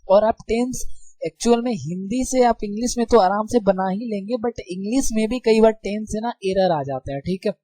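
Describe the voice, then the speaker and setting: With a high, mellow voice at normal speed and no room sound, a young man walks students through grammar casually and warmly. He keeps posing rhetorical questions and checking whether everyone is following.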